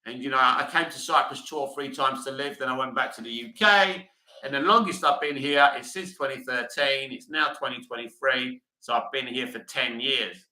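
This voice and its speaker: A man's voice: mid-range voice, normal speed, sharp tone, roomy sound, rough recording. A middle-aged man from England, hosting a casual livestream, reading viewer comments aloud and answering them bluntly. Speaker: livestream host reading chat.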